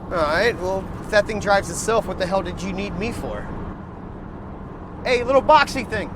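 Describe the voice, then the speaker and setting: A man's voice: high-pitched, lively intonation, normal speed, background noise. A man playing a grumbling, sarcastic sidekick, trading wisecracks in comic banter. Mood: bewildered, annoyed. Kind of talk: comedic banter.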